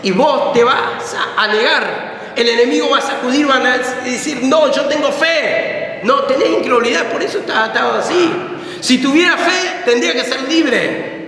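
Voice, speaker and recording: A man's voice: very high-pitched, moderate pace, bright, forceful tone. A man with a Rioplatense Spanish accent preaching a sermon fervently, repeating phrases for emphasis, heard in an echoey church hall. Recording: echoey hall with faint ambient noise.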